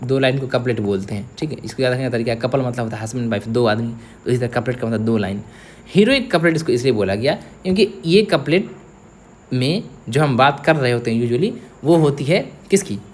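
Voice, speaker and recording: A man's voice: medium pitch, a little hiss or hum. A young man, teaching an exam-prep literature lecture and checking in often with his students. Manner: explains step by step, checks in with "theek hai".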